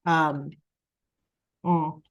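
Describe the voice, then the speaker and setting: A middle-aged woman with a low voice gives a spiritual reading, pausing often and filling gaps with "um." She talks haltingly and gets emotional as she relays what she senses. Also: flat delivery, muffled recording. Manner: halting, emotional, many fillers and pauses. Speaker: spiritual medium.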